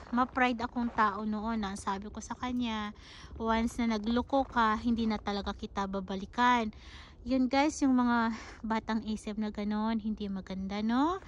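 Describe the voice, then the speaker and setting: A middle-aged woman from the Philippines talking in a casual, heartfelt vlog, chatty and quick to laugh, mixing English into her talk. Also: on the high side. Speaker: vlogger. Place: outdoors at a snowy dog park. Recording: slightly dull, faint outdoor noise.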